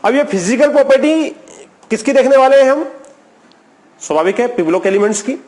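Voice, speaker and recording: A man with a high voice teaches a recorded chemistry lecture. He poses questions to the class and answers them himself. He repeats key terms over and over as he explains. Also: expressive, brisk, a little mellow.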